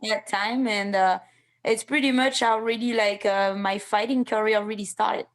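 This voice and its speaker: A woman in her thirties, talking casually as an interview guest. She speaks haltingly and restarts her sentences often. Now and then she turns blunt and swears. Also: medium pitch, fairly even intonation. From France. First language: French. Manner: hesitant, many fillers and restarts, blunt and swearing at times. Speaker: MMA fighter, interview guest.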